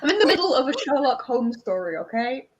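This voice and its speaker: A woman joins a casual livestream chat about reading. Her voice sits fairly high, and she talks in an animated, teasing way. She laughs often between thoughts. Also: a little fast, dull audio, a crowd in the background. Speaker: guest on a reading stream.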